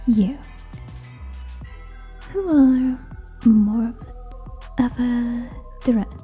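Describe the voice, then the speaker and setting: Whispering right up against the microphone, a woman voices a haughty, teasing tsundere vampire for a scripted ASMR roleplay. Her fairly high, mellow whisper is deliberate and scornful, carrying a dismissive, contemptuous mood.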